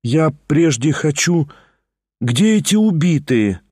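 A man reading a novel aloud and voicing a distraught young woman who answers in soft, short, bewildered lines. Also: fairly high pitch, very animated, takes it slowly, husky, dry recording, studio quality, full character voice. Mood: dazed. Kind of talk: audiobook character reading.

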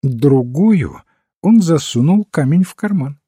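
A gentle, thoughtful old priest who untangles a mystery by calm reasoning, as a male reader plays him. His speech is unhurried and lively in pitch. The tone is mellow and a little husky. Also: no room sound, clean studio sound, exaggerated voice. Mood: explaining. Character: mild, thoughtful elderly male priest-sleuth.

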